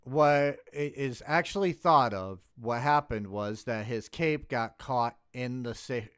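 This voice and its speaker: A man's voice: medium pitch, slow, fairly bright tone, smooth, no room sound, clean studio sound. Profane, blunt male streamer ranting. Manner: blunt, profane, restarts mid-word. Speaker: streamer host. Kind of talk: casual rant reacting to a video.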